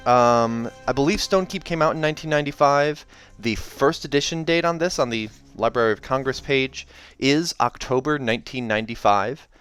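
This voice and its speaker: A man with a mid-range, fairly bright voice speaks at a moderate pace, hosting a reading series in a casual, chatty way that rambles and often corrects itself. He talks through a book and reads it aloud for a video, with soundtrack music playing behind him.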